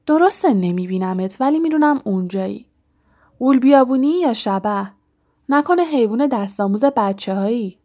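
A woman's voice: fairly high pitch, lively intonation, mellow. A woman voicing a mischievous male poltergeist who turns oily and groveling. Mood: sly. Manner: wheedling, then groveling and oily. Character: sly mischievous male poltergeist, fawning when scared.

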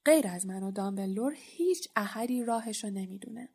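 A woman's voice: mid-range voice, a little mellow, breathy edge. Storybook: woman reading as a big cagey gamekeeper who rambles and boasts, only lightly voiced. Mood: boastful. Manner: chatty, rambling.

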